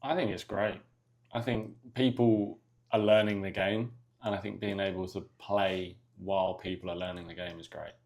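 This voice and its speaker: Gravelly young London-area man. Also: sits low, fairly even intonation, moderate pace, darkish tone. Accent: English, London area. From England, near London. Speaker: soccer player, podcast guest. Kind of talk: casual interview chat.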